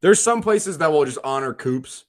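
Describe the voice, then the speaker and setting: A man's voice: a little high, expressive, normal speed. A man co-hosting a casual podcast chat, profane and rambling with frequent laughter. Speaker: podcast co-host.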